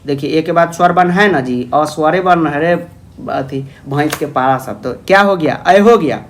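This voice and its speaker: Male tutor with a fairly high voice who explains patiently and coaxes his students along, voicing their questions himself. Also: moderate pace. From India. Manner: asks and answers imagined student questions himself; coaxing, calls listeners "babu". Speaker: teacher. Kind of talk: classroom-style grammar lesson.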